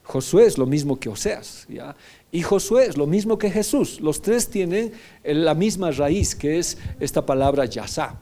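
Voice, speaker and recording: Pastor preaching in a mellow voice. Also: male voice, fairly high pitch. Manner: teaching, often checking in with "¿ya?". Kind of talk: sermon.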